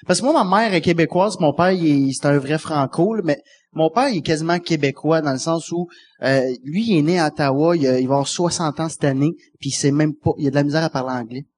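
A man's voice: fairly high pitch, quick pace, slight background noise. A man with a Canadian French accent, a comedian guest chatting casually and self-mockingly. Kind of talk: casual chat.

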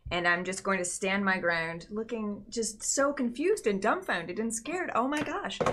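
A woman playing a tabletop game, lively and self-amused as she describes her moves. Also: mid-range voice, unhurried, a little hiss or hum. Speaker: player.

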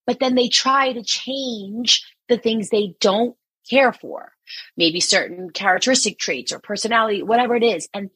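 A woman in her forties with a New York accent, co-hosting a casual podcast chat, animated and teasing, laughing often. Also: a little high, moderate pace, breathy edge, no echo, low-quality recording. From Queens, New York. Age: 40s. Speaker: podcast co-host.

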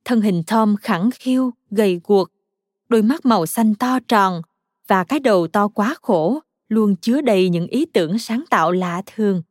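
A woman narrating a children's biography story in a calm, even storytelling manner. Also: mid-range voice, unhurried, no room sound, clean studio sound.

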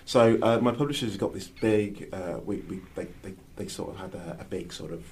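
A man's voice: sits low, moderate pace, darkish tone, a little hiss or hum. A man, a novelist co-presenting a radio book show, telling rambling self-deprecating anecdotes full of hesitations. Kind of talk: casual radio chat.

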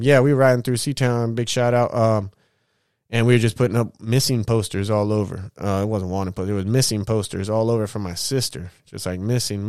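A young man from Southern California telling stories from his youth in a laid-back, slangy, profane way, full of shout-outs to old friends. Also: lowish voice, clean tone, no echo, clean studio sound. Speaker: vlogger. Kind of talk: casual storytelling monologue.

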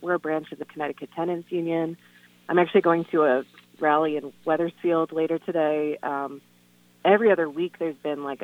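A woman heard over the phone, her voice thin and tinny and dry, with no room sound around it. She is a guest calling in to a radio show. She talks earnestly but haltingly, stopping to restart and filling pauses with "um" and "you know". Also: low voice, no room sound. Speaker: guest on a call-in radio show, tenant organizer. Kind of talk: casual radio phone interview. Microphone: telephone.

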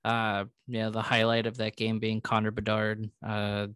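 A man with a clean, smooth voice co-hosts a relaxed sports podcast. He recaps things loosely, pausing on fillers as he searches for details. The sound is dry and close, with no room around it. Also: on the low side, no echo. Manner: conversational, hedging with fillers. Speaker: podcast co-host. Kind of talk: casual sports chat.

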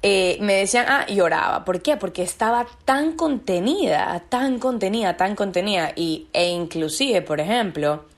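A woman's voice: mid-range voice, animated, normal speed, hardly any pauses. A woman as a podcast guest, talking about her own experience in an earnest, searching way and repeating words for emphasis. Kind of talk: reflective personal conversation.

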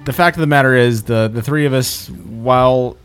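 A man's voice: medium pitch, moderate pace, fairly bright tone, clear, resonant tone, soft background music. A man hosting a podcast in an informal, rambling chat style. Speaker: podcast host. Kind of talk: casual chat.

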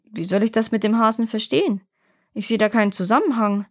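A woman voicing a vain, greedy rich landowner who is quick to anger and later pleads sweetly. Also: mid-range voice, lively intonation, darkish tone, no echo, studio quality. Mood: haughty. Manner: haughty, then honey-sweet and pleading.

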